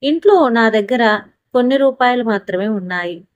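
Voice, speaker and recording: A woman reading a first-person story aloud in a steady, even narrating voice. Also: fairly high pitch, moderate pace, dry recording, highs cut off. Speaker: audiobook narrator.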